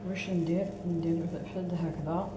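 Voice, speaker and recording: A woman's voice: lowish voice, flat delivery, fairly quick. A woman with an Algerian Arabic accent hosting a cooking show in a kitchen, talking viewers through each step as she works. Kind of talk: cooking demonstration. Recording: echoey room with background noise.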